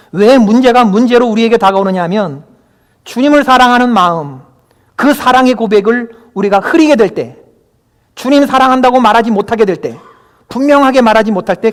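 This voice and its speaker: A male pastor preaching a Sunday sermon in a church, emphatic and often putting questions to the congregation. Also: high voice. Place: church sanctuary. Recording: long hall reverb.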